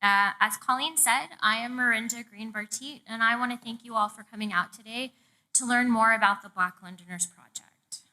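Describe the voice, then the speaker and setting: A professor in her 40s from Charleston, South Carolina, presents a prepared public lecture in a museum event room, adding personal asides. Her voice is on the high side, bright and forceful, at a moderate pace. The audio is poor.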